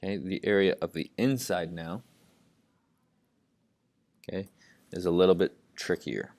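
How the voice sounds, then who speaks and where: Deep-voiced man tutoring math. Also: measured pace, darkish tone, dry recording. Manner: says "okay" constantly, thinks aloud step by step. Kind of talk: lesson narration while writing.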